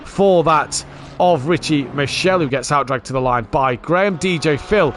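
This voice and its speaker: A man's voice: on the high side, moderate pace, a bit bright, slight background noise. A man giving live race commentary as a motorsport commentator, calling the action as it happens.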